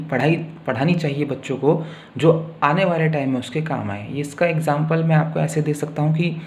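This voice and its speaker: A man's voice: fairly high pitch, a little mellow. A man teaching a literature lesson, explaining step by step and often checking in with "okay". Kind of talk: spoken literature lecture. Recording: echoey room with faint hiss.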